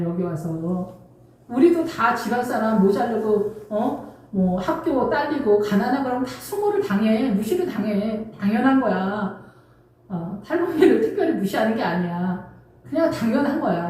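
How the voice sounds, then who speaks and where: A woman's voice: mid-range voice, darkish tone. A woman pastor giving an emphatic, conversational sermon full of rhetorical questions. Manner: emphatic, fires rhetorical questions, casual speech. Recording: very echoey hall, distant mic.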